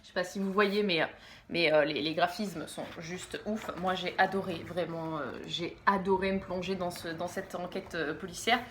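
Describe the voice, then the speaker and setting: A young woman reviewing graphic novels in a casual, halting way, giggling often and slurring a little because she is groggy from medication. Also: fairly low pitch, steady tone, a little hiss or hum. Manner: giggly, halting, stumbles over words. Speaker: book vlogger.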